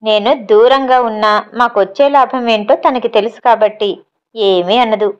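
A woman's voice: a little high, steady tone, normal speed, clean tone, close to an everyday voice. A woman voicing a confident young man who teases and scolds firmly, on a slightly dull recording. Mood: teasing firm. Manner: teasing, firm. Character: confident teasing young man, quick temper.

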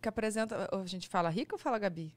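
A woman's voice: medium pitch, quick pace, no echo. A young woman hosting a podcast in casual, chatty conversation on a close studio mic. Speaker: podcast host. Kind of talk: casual chat. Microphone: close studio mic on boom arm.

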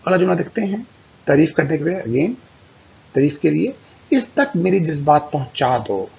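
A man teaching English phrases to learners, explaining in Urdu and slowly repeating each English sentence for them to copy. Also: sing-song, gravelly, darkish tone. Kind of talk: spoken language lesson with slides. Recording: dull lo-fi voice-over with faint rumble.

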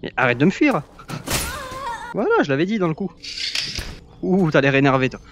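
A young man chatting through a VR game session, teasing and egging on the characters he fights. His voice sits a bit high and swoops up and down a lot as he gets excited. A faint hiss runs under the recording. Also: a little fast, dull audio. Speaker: gaming YouTuber. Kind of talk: casual Let's Play commentary. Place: at home, playing VR game.

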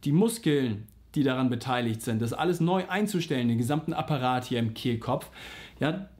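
A man's voice: mid-range voice, expressive, a little fast, darkish tone. A man teaching a singing lesson, explaining simply and patiently, and sometimes singing vowel slides to show an exercise. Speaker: vocal coach.

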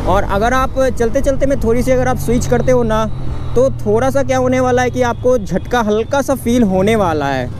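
Bihari accent guy, young, chatty bike review while riding, says bhai a lot, road noise all around. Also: very high voice. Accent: Bihar Hindi. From India. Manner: chatty, keeps saying "bhai", upbeat. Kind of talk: casual ride review vlog. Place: outdoors on a city road.

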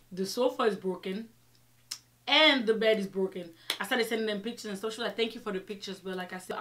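A young adult woman vlogger giving an animated, exasperated storytime rant, speaking emphatically and acting out quoted exchanges as she retells them. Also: medium pitch. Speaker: vlogger telling her own story. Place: small indoor room with shelves, seated before the camera.

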